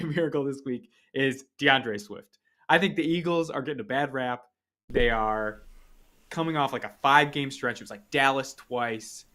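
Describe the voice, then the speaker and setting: Male podcast co-host, bright, sharp voice, chatty and joking, quick opinions. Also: medium pitch. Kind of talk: casual sports podcast chat.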